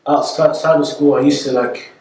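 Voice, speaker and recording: A man's voice: medium pitch, fairly even intonation, brisk, darkish tone. A man in his twenties, born in Italy and raised in England, telling his story in a casual street interview with many fillers and restarts. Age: 20s. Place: outdoors on a street. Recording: echoey, from far off, faint background noise.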